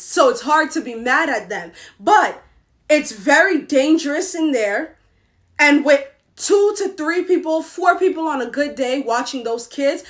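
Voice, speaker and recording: A young woman and former tutor in a vlog rant, indignant and emphatic as she lays out her complaint. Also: high-pitched. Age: young adult.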